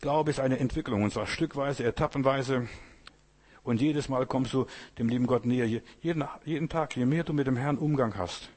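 Husky-voiced man preaching a sermon. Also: mid-range voice, normal speed, a little mellow. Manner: addresses listeners directly with "weißt du" and "Geschwister".

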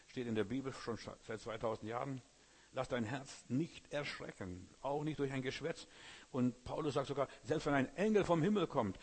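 A man with a medium-pitched, slightly rough voice preaches an emphatic sermon. He speaks directly to listeners, repeatedly asking "you know?" to see if they follow.

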